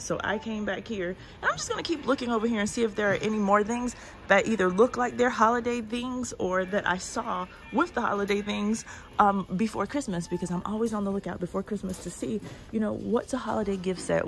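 A woman talks casually to her viewers as she walks through a large store. She is recorded on a phone held in her hand. Her pitch is mid-range for a woman. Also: a little fast, gravelly, a little hiss or hum. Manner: chatty, walking while talking, addressing viewers directly. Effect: recorded on a handheld phone. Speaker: shopping vlogger. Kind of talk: casual walk-and-talk store tour. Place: large indoor retail store.

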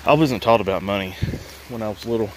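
A middle-aged man with a lowish voice, talking plainly and folksily as he films himself with a handheld phone. He rambles from one thought to the next while walking outdoors and driving his truck. A faint background hiss sits under his voice. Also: fast, low-quality recording. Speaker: vlogger. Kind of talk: casual walk-and-talk vlog. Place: outdoors on a rural property and inside a truck.

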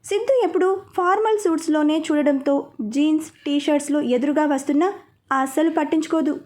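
A woman narrating a serialized story in a steady, even storytelling manner. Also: sits high, brisk.

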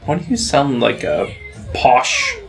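Crude, joking young man, slow and lively. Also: mid-range voice, vocal fry, faint music behind. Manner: crude joking, heavy swearing. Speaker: co-commentator playing the game. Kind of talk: casual gameplay chat.

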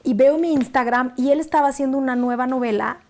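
A young adult woman, an actress as interview guest, telling a personal story in casual chat and acting out the quotes. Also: fast talker. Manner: animated, acts out quotes with sudden high bursts.

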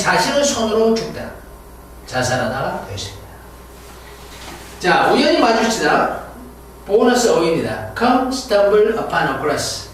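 A man's voice: high-pitched, distant mic, slight background noise. Echoey man teaching English words. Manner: slow, drawn-out English words, quick Korean asides. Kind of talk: vocabulary lesson, call-and-repeat drills. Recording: very echoey room, heard from afar.

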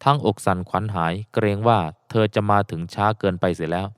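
A man narrating an audiobook in a steady storytelling cadence, close to the mic. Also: low-pitched, fairly quick, clean tone, dry recording.

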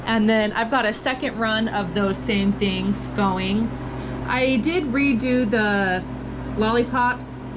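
A woman's voice: a little high, slow, noisy background. A woman in her thirties hosting a casual home vlog, talking to camera in an upbeat, chatty way from her kitchen. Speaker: vlogger, host of a home freeze-drying channel.

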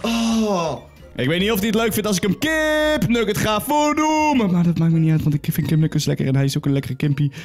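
A man with a high, bouncy, very animated voice, yelling and coaxing his way through a game. His voice sounds strained and worn from shouting, and faint music plays behind him. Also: fairly quick. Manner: excitable, cheers on and shouts commands at an on-screen chicken. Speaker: gaming YouTuber. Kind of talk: gaming commentary.

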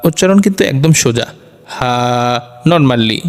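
A man teaching Quran letter pronunciation, explaining slowly and repeating each Arabic letter over and over for practice. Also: fairly high pitch, animated. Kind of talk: slow explanatory lesson with drilled letter sounds. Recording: long reverberant room echo.

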